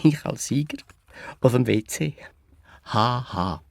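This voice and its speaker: Lively Swiss German man telling a kids' story. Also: medium pitch, slow, creaky, no room sound. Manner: playful, childlike first-person storytelling. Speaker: narrator. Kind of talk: children's audio story narration. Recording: dry studio read with soft music.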